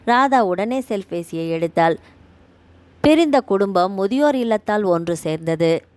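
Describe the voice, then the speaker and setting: A woman's voice: medium pitch, lively intonation, unhurried, a little mellow, no echo. A woman narrating a novel as an audiobook, reading steadily and evenly. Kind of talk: storybook narration.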